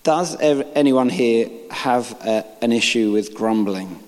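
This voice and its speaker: A man's voice: mid-range voice, lively intonation, measured pace, darkish tone. Man preaching in a reverberant hall. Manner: reads scripture aloud, joking asides to the congregation. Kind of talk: informal sermon. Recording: long reverb of a large hall.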